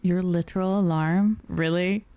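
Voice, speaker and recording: A woman livestreamer with a soft, cozy storybook voice, chatting casually and affectionately with her viewers, using pet names. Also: fairly low pitch, steady tone, measured pace, clear, resonant tone. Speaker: livestreamer, VTuber.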